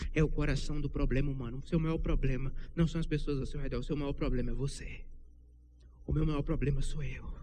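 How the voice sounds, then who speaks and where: A young man preaching an evening sermon in a church with a Brazilian Portuguese accent, swinging from loud rebuke to quiet, low passages. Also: a little hiss or hum. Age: young adult. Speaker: pastor. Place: church during an evening service.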